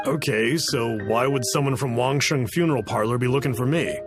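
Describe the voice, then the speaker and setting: A man's voice: mid-range voice, fairly quick, music in the background, lightly acted. A man voicing a wary townsperson who speaks in a defensive, brusque way in a game cutscene.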